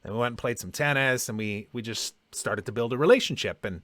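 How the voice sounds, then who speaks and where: A man's voice: mid-range voice, brisk, fairly bright tone, no echo. A man hosting a podcast, telling personal stories in a casual, conversational way and acting out quoted dialogue. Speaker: podcast host.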